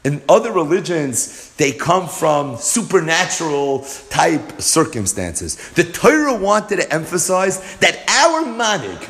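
A man's voice: fairly high pitch, sing-song, slow, few pauses, a bit bright. A man teaching a Torah class, mixing Hebrew and Yiddish terms into his English and driving points home with rhetorical questions.

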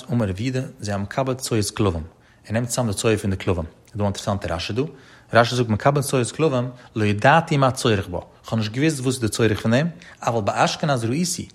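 A man giving a Talmud study lecture in a rapid, chanting delivery with frequent rises and falls. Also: mid-range voice, slightly rough. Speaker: Talmud teacher.

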